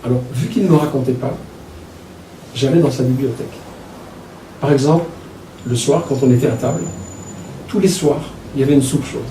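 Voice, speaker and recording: Older belgian guy, author reminiscing, slow halting restarts, echoey room, faint hum behind. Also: mid-range voice, mellow, recorded from a distance. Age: 60s. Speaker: author talking about his book. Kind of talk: personal storytelling talk.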